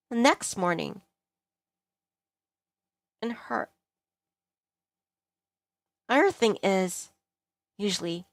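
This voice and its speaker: This mid-range, fairly bright female voice belongs to a VTuber who streams games. With game music behind her, she performs a visual novel's dialogue and narration dramatically, giving the characters voices, and there's no room sound.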